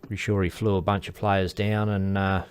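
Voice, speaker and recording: A man's voice: deep voice, flat delivery, normal speed, clear, resonant tone. Chatty man commentating on sport. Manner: chatty, informal, with asides. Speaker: darts commentator. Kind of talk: casual live sports commentary.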